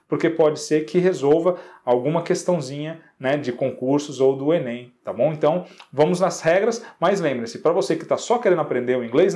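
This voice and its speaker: A man's voice: fairly high pitch, a little mellow. A Brazilian man teaching an English grammar lesson, explaining patiently and checking in with his students often. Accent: Brazilian Portuguese. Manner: slows down to pronounce English examples.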